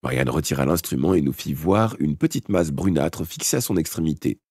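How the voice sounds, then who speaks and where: A man's voice: very deep voice, lively intonation, fairly quick, a little mellow, slightly rough, no echo, clean studio sound. A man narrating a children's audiobook, reading it aloud with expression. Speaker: audiobook reader. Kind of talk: storybook narration from a live stream.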